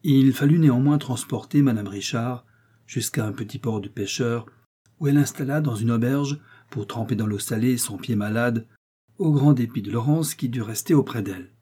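A man narrating a novel aloud in a measured storytelling manner. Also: mid-range voice, mellow, husky.

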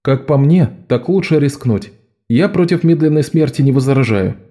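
A man voicing Locke, a wily adult male con man who talks in a wry, quiet way. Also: on the high side, animated, moderate pace, close to an everyday voice.

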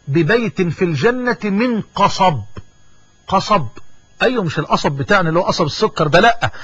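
Egyptian male preacher, fervent sermon delivery, high voice, dry close sound. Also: fairly bright tone, breathy edge, no echo. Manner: impassioned, rising to high emphatic peaks. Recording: dull lo-fi sermon recording.

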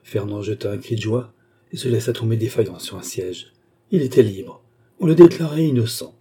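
A man narrating a classic novel as an audiobook in a steady, dramatic storytelling manner. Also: fairly low pitch, moderate pace, husky. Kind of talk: scripted narration.

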